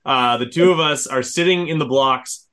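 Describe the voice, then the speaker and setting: Bright-sounding guy from manitoba hosting, 30s, chatty and lively storyteller. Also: mid-range voice, normal speed. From Manitoba, Canada. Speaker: podcast host. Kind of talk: casual interview chat.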